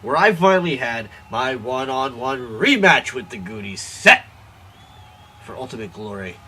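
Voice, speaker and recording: A boastful pro wrestler snarls out a profane promo, voiced by a man. He sounds tipsy and aggressive, and his voice has a bright, sharp bite. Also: medium pitch, very animated, a little slow, slight background noise. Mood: ranting, contemptuous. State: has been drinking.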